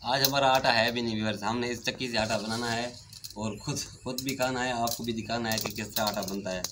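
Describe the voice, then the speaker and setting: A man's voice: medium pitch, fairly even intonation, brisk. Middle-aged man, village vlog host, chatty, reflective, outdoor courtyard, birds behind, noisy recording. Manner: chatty, reflective, many fillers. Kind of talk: casual family vlog talk. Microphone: camera at a few meters. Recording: outdoor recording with background noise.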